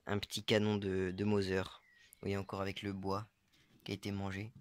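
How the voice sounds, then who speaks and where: A man's voice: low voice, completely flat delivery, moderate pace, slight background noise. A young man casually showing his metal-detecting finds, talking hesitantly with many fillers and unsure asides. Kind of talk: casual show-and-tell vlog.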